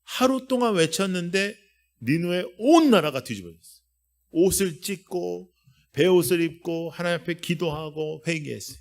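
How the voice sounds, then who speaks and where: A middle-aged man preaching a lively revival sermon as a guest pastor in a church, acting out voices and having the congregation repeat after him. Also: on the high side, normal speed. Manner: animated, acts out voices, calls for congregation to repeat. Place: church sanctuary.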